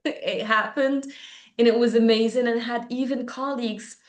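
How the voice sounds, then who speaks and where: A woman's voice: on the high side, steady tone, moderate pace. A woman from Tunisia, a native Arabic speaker with a North African, Tunisian accent, telling a personal story in conversation. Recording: roomy, echoey sound.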